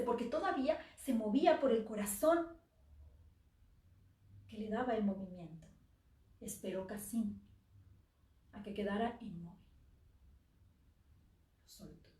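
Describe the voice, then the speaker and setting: A woman telling a dark tale on a theater stage, dropping at times to a near-whisper for effect. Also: a little high. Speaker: oral storyteller. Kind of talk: dramatic live story narration. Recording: echoey theater, from far off the mic.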